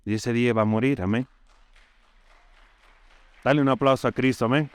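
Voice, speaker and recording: Bolivian preacher with a smooth voice. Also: male voice, medium pitch, fairly even intonation, moderate pace, no room sound. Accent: Bolivian Spanish. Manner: storytelling with frequent tag questions. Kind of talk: sermon.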